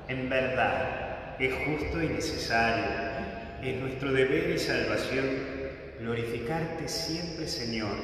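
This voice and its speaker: A man leading mass as a priest, intoning the prayers slowly and solemnly, heard in a cathedral echo. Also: medium pitch, sharp tone, slight background noise. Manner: slow, solemn liturgical intoning. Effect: cathedral echo with long reverb. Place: large church. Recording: echoey church from far off, faint music.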